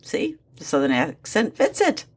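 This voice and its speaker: A woman's voice: fairly low pitch, wildly swooping pitch, normal speed, breathy edge. A woman hosting a daily devotional podcast, speaking in an earnest, personal way with small asides. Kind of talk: scripted devotional talk.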